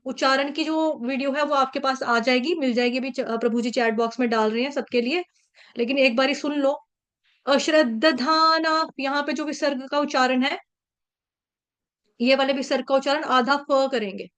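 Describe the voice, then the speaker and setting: A woman teaching an online class, patiently drilling the pronunciation of a verse and repeating syllables slowly. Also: high-pitched, steady tone. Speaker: Sanskrit verse recitation teacher. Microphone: video call.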